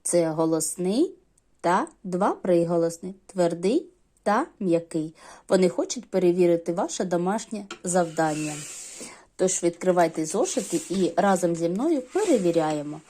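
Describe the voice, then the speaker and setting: A woman's voice: lowish voice, lively intonation, normal speed, dark tone. A middle-aged woman teaching a lesson to young children, explaining patiently step by step. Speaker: primary school teacher.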